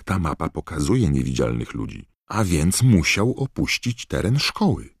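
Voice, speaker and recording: A man's voice: very deep voice, big pitch swings, moderate pace, slightly rough, no echo, studio quality, voice pushed up, exaggerated voice. A man voicing a determined teenage boy wizard who speaks directly and eagerly.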